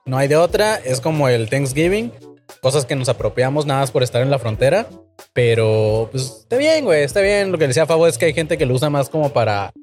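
A man's voice: mid-range voice, brisk, a little mellow. A man with a northern Mexican accent bantering casually in profane, irreverent slang. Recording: music playing behind.

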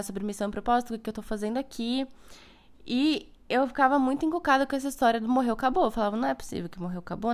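A young Brazilian woman with a Brazilian Portuguese accent, talking casually to her followers in a chatty, playful way with lots of tag questions. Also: fairly high pitch. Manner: chatty and playful, frequent "né?" asides. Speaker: spiritual content creator. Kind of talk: casual spiritual vlog monologue.

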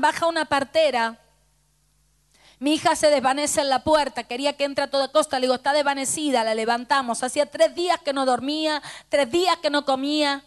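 A middle-aged woman pastor with a Rioplatense Spanish accent, fervently telling a personal testimony in a sermon and quoting the people in it. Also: sits high. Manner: fervent storytelling, quoting dialogue.

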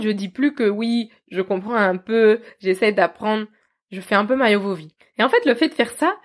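A woman hosting a podcast, telling her story in a lively, self-mocking way and often laughing. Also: mid-range voice. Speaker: podcast host.

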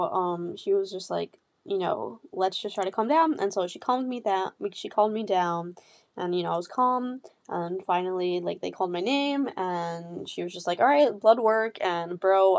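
A woman's voice: lowish voice, a little slow. A young woman hosting a podcast, candidly telling a personal story in casual, profane speech full of fillers. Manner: candid, heavy swearing, lots of fillers. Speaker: podcast host.

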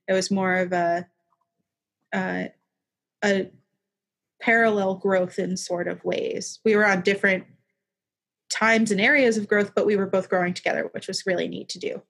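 A woman's voice: medium pitch, little pitch movement, normal speed, creaky, pauses often, fairly bright tone. Reflective young woman, guest on a podcast. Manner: reflective, rambling, with many restarts and "like". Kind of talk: casual faith podcast chat.

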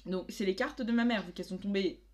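A woman's voice: mid-range voice, quick pace. Young woman podcast co-host telling a story. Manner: expressive, acts out quoted voices. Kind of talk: casual storytelling chat.

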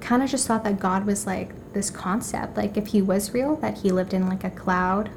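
A woman podcast guest telling a personal story casually, with halting phrasing. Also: mid-range voice, fairly even intonation, gravelly, a little hiss or hum.

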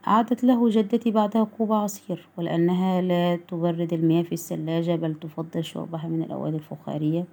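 A woman narrating a short story in the first person, reading calmly and at a measured pace. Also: lowish voice, creaky.

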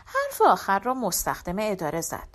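Expressive woman reading a short story. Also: medium pitch. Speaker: audiobook narrator. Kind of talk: first-person short story narration.

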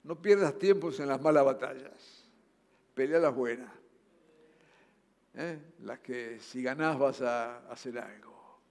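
A man with a Rioplatense Spanish accent preaching a sermon. He urges his listeners earnestly, rising loud and then dropping to soft, low passages. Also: slow, long pauses. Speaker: pastor. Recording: long hall reverb.

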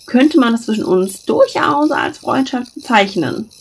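A mischievous young woman teases in a dry, mocking tone, voiced by a woman reading a story. The voice is gravelly and a little husky. She sounds coolly amused. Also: a little high, animated, unhurried, voice pushed up, heavily acted. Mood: teasing.

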